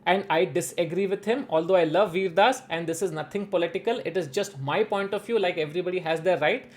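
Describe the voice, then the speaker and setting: A man's voice: high-pitched, fairly quick. A man from India with an Indian English accent, reciting a spoken-word response in an earnest, declamatory way. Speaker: video creator.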